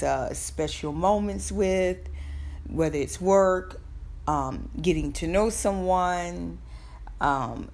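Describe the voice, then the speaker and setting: Woman, Southern American accent, low pitch, unhurried pace, podcast host, informal motivational talk, deliberate pauses.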